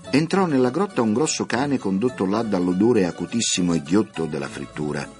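A man narrating a story for radio with an expressive, theatrical reading. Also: on the low side, fairly quick, soft background music.

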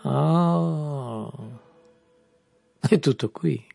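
A man's voice: a little high, drawn-out words, gravelly, mellow, faint music behind, pitched above the performer's own voice, full character voice. A man reading an audiobook, voicing a distressed young wife who pleads anxiously. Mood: pleading.

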